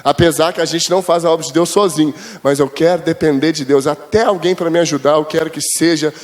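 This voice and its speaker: High-voiced pastor telling stories. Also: male voice, steady tone, quick pace. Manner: storytelling, chatty, addresses the congregation as brothers; acts out quoted dialogue with God, rising high and loud. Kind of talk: sermon.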